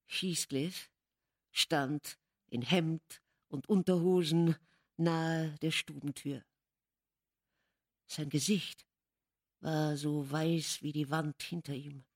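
A woman reading a classic novel aloud as an audiobook, in measured, dramatic storytelling. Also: sits low, steady tone. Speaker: audiobook reader. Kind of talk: literary audiobook narration.

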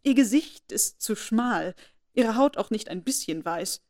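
A woman doing a snide, jealous young society lady from a storybook, belittling another woman with needling disdain, pitched a touch above the reader's usual voice and pressed louder as she sneers. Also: moderate pace, natural voice. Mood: disdainful.

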